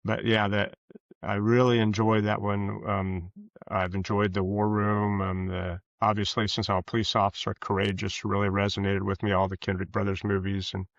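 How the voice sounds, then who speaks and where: An interview guest in his sixties, once a police officer and now an author, answers casually in a lowish voice with a level tone. He's an American from rural Kansas whose folksy speech comes haltingly and with hesitation. The sound is roomy and dull, with a lo-fi quality.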